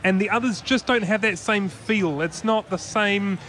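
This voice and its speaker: A man's voice: high voice, moderate pace, fairly bright tone. A man co-hosting a tech news podcast, chatting casually and rambling with restarts and laughs. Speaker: podcast co-host.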